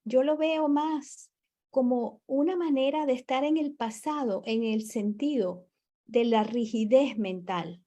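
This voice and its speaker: A woman's voice: sits high, measured pace, mellow. A woman guest reflecting on her own experience, searching for words and often restarting mid-thought. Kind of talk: reflective conversational talk.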